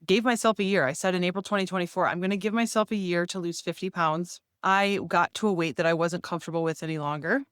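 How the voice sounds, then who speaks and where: A woman's voice: on the low side, steady tone, fast talker, hardly any pauses, a bit bright, clear, resonant tone, dry recording, clean studio sound. A woman in her forties talking casually and earnestly straight to the viewer about her fitness year. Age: 40s. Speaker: fitness vlogger. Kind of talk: casual direct-to-camera talk.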